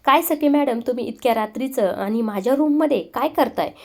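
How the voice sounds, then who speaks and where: A woman's voice: sits high, brisk, voice pushed up. A woman voicing a teasing, mock-polite young man in a recap of a TV serial. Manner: playful, calls her madam with mock formality. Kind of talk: acted dialogue in a serial recap.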